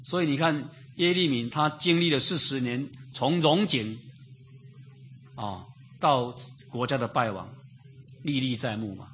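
A man preaching an expository Bible sermon in a conversational way, repeating phrases, asking rhetorical questions and filling pauses with drawn-out interjections. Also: mid-range voice, a bit bright, slight background noise.

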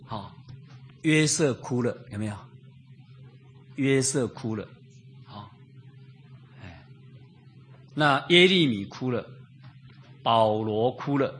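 A man delivering a Bible sermon in a homely, talkative manner, looping back over his words and tossing rhetorical questions to the listeners. His voice sits at an ordinary middle pitch, with a faint hiss behind it. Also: a bit bright. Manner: conversational, repetitive, many drawn-out fillers and rhetorical questions. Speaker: preacher.

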